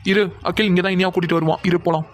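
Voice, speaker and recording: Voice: medium pitch, fairly even intonation, very fast, a little hiss or hum, close to an everyday voice. A voice actor playing a bossy, protective young man in a cartoon who gives orders. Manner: bossy, commanding.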